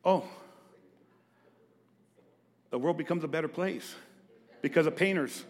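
A man's voice: a little high, measured pace, big-room sound. A man preaching a sermon to his congregation in church, often repeating words and putting questions to the listeners. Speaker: pastor. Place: church hall.

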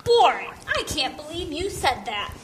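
A woman's voice: sits high, sing-song, moderate pace, slight background noise. Woman playing a sassy teenage granddaughter. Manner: sassy and snappy. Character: sassy teenage granddaughter, quick to snap back. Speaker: church member in a skit. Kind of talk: amateur church skit acting.

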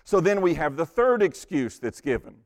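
Man preaching with lively, stammering delivery. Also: a little high, normal speed. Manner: animated storytelling, drops to hushed intensity for emphasis; stammers on repeated words. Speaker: pastor. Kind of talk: sermon.

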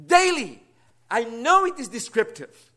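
Speaking with a Brazilian Portuguese accent, a man from Brazil preaches as a guest and teaches at a seminary. His sincere sermon moves from gentle asides to emphatic peaks, and his very high voice swings widely in pitch at a measured pace.

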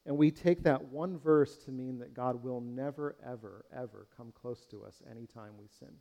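A man's voice: mid-range voice, normal speed, gravelly, dark tone. A man preaching a sermon, earnest and searching, asking his congregation questions and addressing them as friends. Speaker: pastor.

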